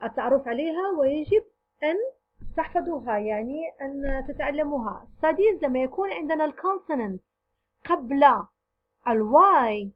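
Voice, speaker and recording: A woman with a high, very animated voice teaches a grammar lesson at an unhurried pace. She explains deliberately, restating each rule twice and pausing on drawn-out "aah" fillers. The recording sounds slightly dull and lo-fi. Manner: slow, deliberate explaining, repeating each point in two languages. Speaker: English teacher.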